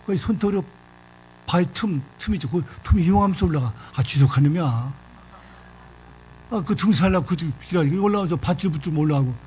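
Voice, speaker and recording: An older man preaching a sermon in a church, telling a story in a lively, folksy way. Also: on the high side, brisk, a little hiss or hum. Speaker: pastor.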